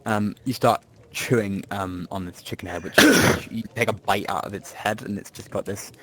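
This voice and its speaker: A man's voice: lowish voice, moderate pace, fairly bright tone. A man narrating a tabletop game as game master, rambling with many ums and restarts.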